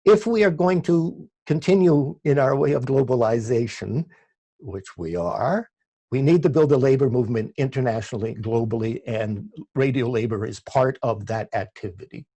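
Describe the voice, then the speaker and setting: Man, Canadian accent, husky, mellow, halting, interview guest. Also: medium pitch, expressive, dry recording. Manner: halting, many restarts and repeated words. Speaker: radio producer and host, guest. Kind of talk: casual interview talk.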